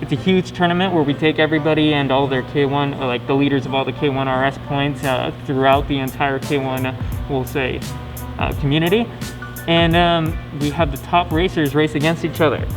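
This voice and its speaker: A man with a somewhat high voice hosts a casual Q&A. He talks informally and conversationally, often checking in with tag questions. Music plays clearly behind him. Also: fairly even intonation, brisk, poor audio. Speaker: company video host. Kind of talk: casual scripted-outline Q&A to camera.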